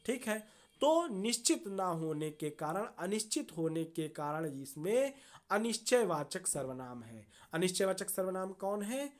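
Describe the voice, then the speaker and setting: Slow, low-voiced woman teaching grammar. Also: lively intonation, darkish tone. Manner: slow, deliberate, repeats and checks with "thik hai". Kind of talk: classroom grammar lesson.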